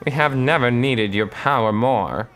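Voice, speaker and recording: A man voicing an ancient female wood sprite in a game story, using a high falsetto with a solemn manner. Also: a little slow, fairly bright tone, natural voice.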